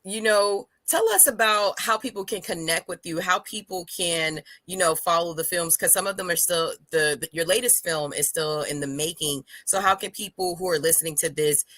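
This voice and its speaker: A woman's voice: on the low side, moderate pace, few pauses, fairly bright tone, no room sound. A woman hosting an interview, asking questions in an encouraging, conversational way. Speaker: interview host.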